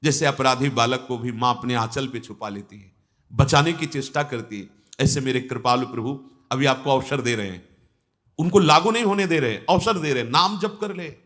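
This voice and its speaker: A man's voice: on the high side, fairly bright tone. A man giving a devotional discourse as a spiritual teacher, exhorting listeners and quoting scripture verses in a chanting cadence.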